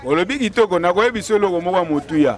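On an outdoor market street, a resident in his forties is interviewed with a handheld mic held close, speaking emphatically and enthusiastically. His voice is high-pitched and lively, and he talks fast. Crowd noise fills the background.

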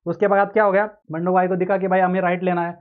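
High-voiced lecturer, tinny audio. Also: male voice, flat delivery, quick pace. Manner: explains with everyday examples, asks questions and answers them himself. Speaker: engineering lecturer. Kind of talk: classroom lecture. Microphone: close mic. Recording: tinny narrow-band audio.

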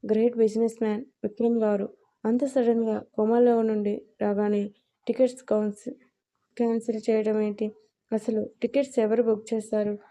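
A woman's voice: on the high side, flat delivery, moderate pace, mellow, natural voice. A woman voicing a firm, shrewd male friend. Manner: firm, probing questions.

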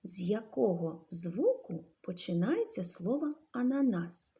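A woman leads young children through a literacy lesson. She talks slowly and sounds words out syllable by syllable. Her pitch swings up and down in a lively, animated way. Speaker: teacher.

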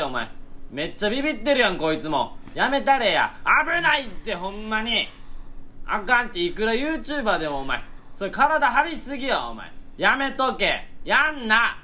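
A young man in his twenties with a Kansai accent, delivering comic voice-over commentary as the straight man. He fires off sharp, exasperated retorts. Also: sits high. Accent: Kansai Japanese. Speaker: comedian.

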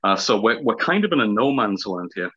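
A man's voice: on the low side, big pitch swings, fairly quick, bright, forceful tone, slightly rough. A man of about fifty with a heavy Northumberland accent and long vowels, explaining things in an interview in a hesitant, word-searching way. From Northumberland, north-east England. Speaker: interview guest, historical fencing teacher. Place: small room at home, indoors. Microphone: video call, webcam distance. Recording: slightly dull video-call audio.

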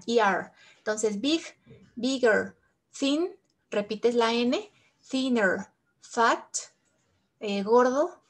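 A woman teaching English grammar, patiently repeating each example in two languages. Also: a little high. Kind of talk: bilingual grammar lesson.

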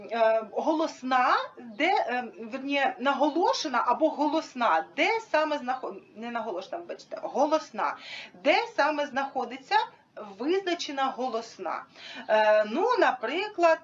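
Woman with a high, animated voice, teaching with props and pausing on fillers. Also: lo-fi sound, a little hiss or hum. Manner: hesitant, many fillers, demonstrates with props. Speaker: teacher explaining a method. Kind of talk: informal instructional talk.

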